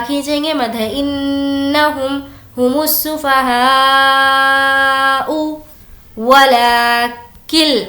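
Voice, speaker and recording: A woman teaching tajweed, explaining each rule plainly and then reciting the words slowly and drawn out. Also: high-pitched, sharp tone, roomy sound. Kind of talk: slow word-by-word recitation lesson.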